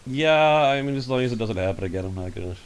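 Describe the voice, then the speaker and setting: A man hosting a casual podcast over a voice call, telling rambling, animated stories. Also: mid-range voice, quick pace, clear, resonant tone. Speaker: podcast host. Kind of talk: casual chat. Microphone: home microphone over a voice call.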